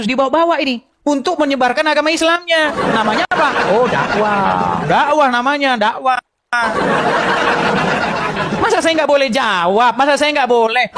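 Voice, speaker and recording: A man hosting a confrontational live-stream debate, mocking and laughing often as he challenges his viewers. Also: high-pitched. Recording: loud crowd and heavy background noise.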